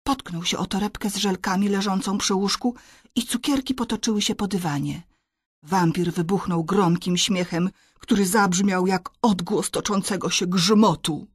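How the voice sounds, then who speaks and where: Woman narrator, husky voice, dramatic storybook reading, mid pitch, dry close sound. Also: moderate pace, no room sound. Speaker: audiobook narrator.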